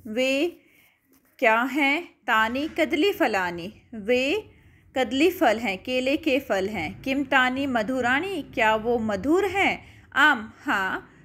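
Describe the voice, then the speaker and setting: Slow, high-voiced woman teacher. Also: animated, fairly bright tone. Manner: patient, repeats words and asks rhetorical questions; addresses pupils affectionately as children. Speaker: school Sanskrit teacher. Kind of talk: slow classroom lesson explanation.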